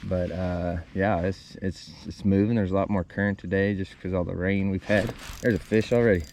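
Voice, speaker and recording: A man with a fairly low voice gives relaxed, folksy fishing commentary. He talks casually, as to vlog viewers, out on a river in a kayak, with light outdoor and boat noise behind him. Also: moderate pace. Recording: faintly noisy outdoor river recording.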